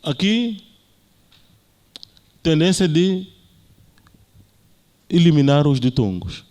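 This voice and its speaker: Slow-spoken Mozambican lecturer, a man. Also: on the high side, big pitch swings, darkish tone. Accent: Mozambican Portuguese. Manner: explanatory, checks in with frequent tag questions. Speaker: university lecturer. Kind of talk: academic conference talk.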